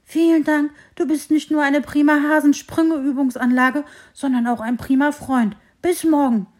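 A woman's voice: on the high side, normal speed, lightly acted. A woman voicing a cheerful young hare. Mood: grateful. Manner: lively and excited. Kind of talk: storybook reading.

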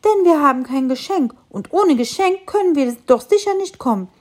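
A woman's voice: high voice, animated, normal speed, pitched above the performer's own voice. A woman voicing a small sparrow in a children's story, explaining eagerly in a raised voice. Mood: earnest. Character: small chirpy sparrow, earnest.

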